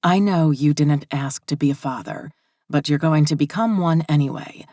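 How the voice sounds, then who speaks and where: A woman reading an audiobook, voicing a composed young woman who speaks in a calm, polite but firm way. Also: deep voice, normal speed, no room sound, studio quality.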